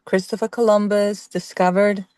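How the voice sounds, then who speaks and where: A woman from El Salvador speaks up as a student in an online class. She sounds earnest and reflective, at a mid pitch. The sound is dry. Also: level tone, moderate pace, a little mellow, no room sound.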